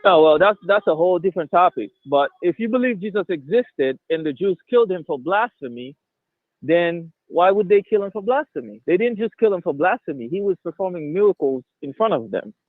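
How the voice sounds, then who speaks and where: On a tinny phone line, a Haitian man calling in to a casual debate speaks in a high-pitched, expressive voice, a little quickly. He is hesitant and restarts often with stammers, and the recording is dry.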